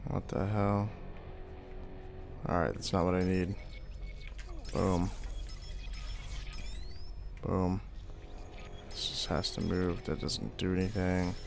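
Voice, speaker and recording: A young male gamer gives casual commentary in a lowish voice. He talks slowly, in crude slangy mutters, with faint game music behind him. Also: level tone, vocal fry. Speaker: gamer, video player. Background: video game music.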